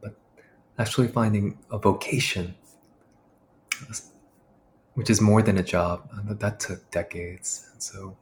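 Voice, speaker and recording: Reflective male pastor guest, lowish voice, slight hiss behind. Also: steady tone, a little slow, long pauses. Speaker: pastor and military chaplain. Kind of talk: podcast interview guest.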